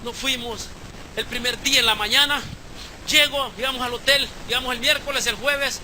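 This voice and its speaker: Male pastor, sermon, very high voice, impassioned, hushed to shouting, noisy live church recording. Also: steady tone, moderate pace. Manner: impassioned preaching, swinging from hushed storytelling to shouted exhortation. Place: church service, live stream.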